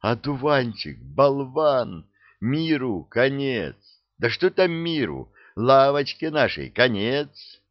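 A man voicing a scheming, excitable male swindler in an audiobook, with a whiny manner. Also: mid-range voice, slow, dry recording, dull audio, voice pushed up. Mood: panicky.

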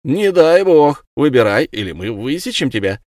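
A man's voice: mid-range voice, big pitch swings, normal speed, a little mellow, dry recording, studio quality, lightly acted. A man voicing a crowd of rowdy young women who tease and mock in a raised, lilting voice. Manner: teasing, jeering. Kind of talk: audiobook reading.

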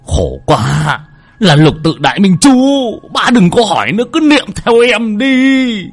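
Man playing a frantic, shouting villager. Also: high voice, very animated, measured pace, husky, faint music behind, pitched above the performer's own voice, exaggerated voice. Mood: exasperated. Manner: pleading, then shouting in alarm. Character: panicked middle-aged man fending off a demon.

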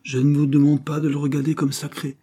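A man's voice: fairly low pitch, normal speed, mellow, slightly rough. A man voicing a distraught, vehement dying woman. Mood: pleading, intense. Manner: vehement, breaks into angry outbursts. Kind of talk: audiobook character reading.

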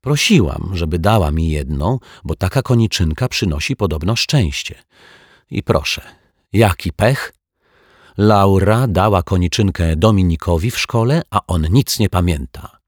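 A man's voice: low voice, lively intonation, measured pace, dry recording, studio quality. A man voicing a quarrelsome little girl who squabbles with her brother in a raised voice. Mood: indignant.

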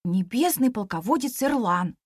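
A woman doing a lively monkey boy, eager and boastful, high and bright, dry sound. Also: moderate pace, husky, dry recording. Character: excitable monkey boy, son of monkey king.

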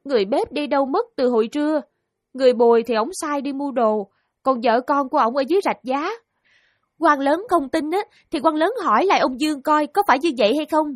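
A woman's voice: high voice, fairly quick, no room sound, studio quality, lightly acted. Woman playing a deferential young accused woman. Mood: pleading. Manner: deferential, earnest pleading. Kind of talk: audiobook drama acting.

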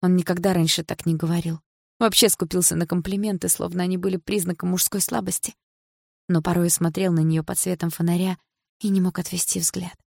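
A woman narrating a story in an expressive, emotional audiobook reading. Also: fairly low pitch, a little fast, gravelly, no echo, studio quality.

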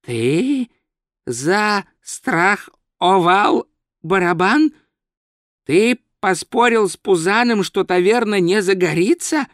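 A man's voice: high voice, moderate pace, few pauses, no room sound, clean studio sound, voice pushed up, natural voice. A man voicing a jittery, cowardly male wizard who talks in an urgent, exasperated way.

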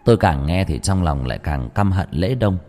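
A man narrating a first-person ghost story dramatically, at times shouting in anguish. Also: sits low, big pitch swings, moderate pace. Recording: reverberant with background music.

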